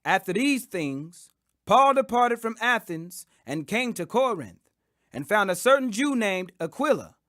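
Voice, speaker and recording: A scripture reader with a high, pushed, bright voice delivers scripted audiobook narration of the King James Bible. The studio-quality sound has no echo, and his reading is dramatic and emphatic.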